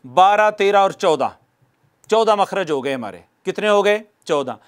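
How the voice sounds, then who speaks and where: A man giving a televised lesson on recitation, patiently repeating points, asking the viewer questions, and slowing down to demonstrate each sound. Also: high-pitched, expressive, smooth. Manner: slows down to demonstrate letter sounds. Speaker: Quran recitation teacher.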